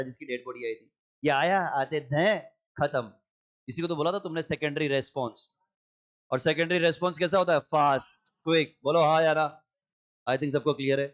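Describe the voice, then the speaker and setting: A young man lecturing a biology class in a lively, teasing way, acting out cells in little skits. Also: fairly high pitch. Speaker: biology teacher.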